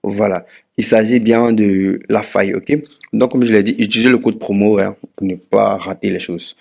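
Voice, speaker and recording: A man from Ivory Coast with an Ivorian French accent, talking viewers through a tutorial one step at a time. His lowish voice has a gravelly, creaky edge, and he keeps repeating key phrases to drive them home. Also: steady tone, moderate pace, a little mellow. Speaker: betting tips YouTuber. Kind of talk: casual screen-walkthrough tutorial.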